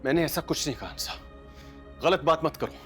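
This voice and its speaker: A man's voice: fairly high pitch, fairly quick, a bit bright, soft background music, lightly acted. An actor with a Pakistani accent playing a young husband who answers his wife in a firm, rebuking way.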